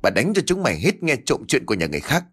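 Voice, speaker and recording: A man voicing a stout, hot-tempered middle-aged village woman, scolding loudly and fast. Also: medium pitch, wildly swooping pitch.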